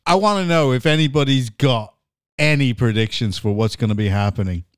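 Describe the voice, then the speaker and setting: A man's voice: mid-range voice, brisk, clean tone, no room sound, studio quality. A man hosting a casual chat show, bantering and steering the talk between segments. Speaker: podcast host.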